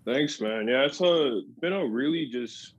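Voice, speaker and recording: Young dude guesting on a podcast, chill, says like a lot, muffled lo-fi audio. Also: male voice, mid-range voice, a little slow. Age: young adult. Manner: relaxed, lots of "like" and "um". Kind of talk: casual podcast chat. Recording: dull lo-fi dry sound.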